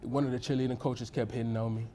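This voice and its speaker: A man's voice: medium pitch, level tone, fast, mellow, a little hiss or hum. A man in his thirties giving testimony in a courtroom, hesitant, repeating words and filling gaps with "um". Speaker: litigant in a TV court case.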